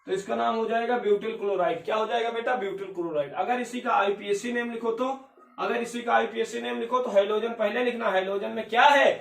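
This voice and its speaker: A man's voice: high-pitched, gravelly. A male chemistry teacher lecturing a class, firing questions at his students and answering them himself, calling them beta and bhaiya. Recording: echoey room, voice from far off.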